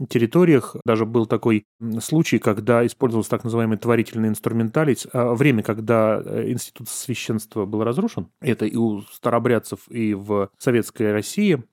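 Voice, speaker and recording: A man's voice: mid-range voice, brisk, few pauses, darkish tone, dry recording, studio quality. A man giving an erudite explanatory lecture in Russian dialectology, with conversational asides.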